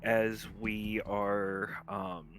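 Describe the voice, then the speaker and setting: A man's voice: fairly low pitch, flat delivery, drawn-out words, a bit bright, slight background noise. A man in a tabletop game, narrating his character's actions in a hesitant way. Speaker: player.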